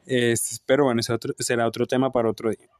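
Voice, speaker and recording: A man's voice: mid-range voice, level tone, fast talker, no echo, clean studio sound. A young man, co-hosting a casual podcast and telling stories with many fillers and restarts. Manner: rambling storyteller with many fillers and restarts, laughs often. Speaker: podcast co-host.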